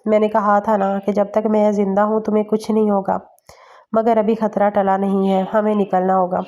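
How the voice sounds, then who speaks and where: Steady protective young hero, reassuring, flat and mellow, read by a woman. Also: mid-range voice, dull audio, close to an everyday voice. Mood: firm. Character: protective young male agent, calm and firm.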